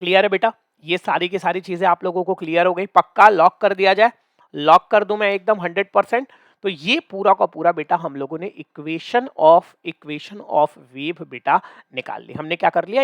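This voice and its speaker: A man's voice: fairly high pitch, fairly bright tone, no echo. A young man teaching an exam-prep physics lecture online, playful and coaxing, often checking whether his students follow. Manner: asks checking questions often.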